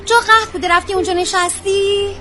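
A kindly, teasing woman scolds and coaxes in a very high voice. Faint hiss runs under her. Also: fairly even intonation, pushed and bright. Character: teasing, kindly woman coaxing a sulky girl.

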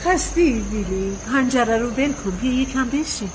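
An actress playing a patient middle-aged wife who gently soothes and pleads with her husband. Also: a little high, lively intonation, background noise, natural voice. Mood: soothing. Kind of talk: radio drama acting.

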